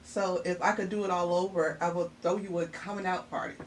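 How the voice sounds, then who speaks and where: Her voice lowish and level, a little fast, the host's middle-aged mother reflects casually as a podcast guest, often laughing and dropping in many fillers. She was recorded on a distant mic carrying faint noise.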